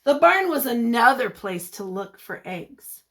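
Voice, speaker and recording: A woman reads a picture book aloud to kids in her fairly high voice, much as a teacher would. She keeps things encouraging and expressive and stops to ask the children questions.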